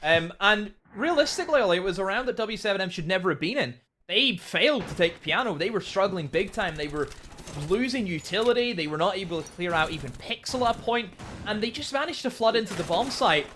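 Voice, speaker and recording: A man's voice: high voice, lively intonation, fairly quick, bright, forceful tone, slight background noise. A man working as an esports caster, giving conversational commentary and analysis of a match to a co-caster.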